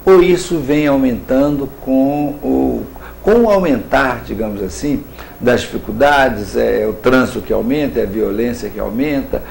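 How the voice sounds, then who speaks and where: A Brazilian man hosting a local TV interview, asking halting, rambling questions with many restarts. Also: mid-range voice, lively intonation, creaky, a little mellow, a little hiss or hum. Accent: Brazilian Portuguese.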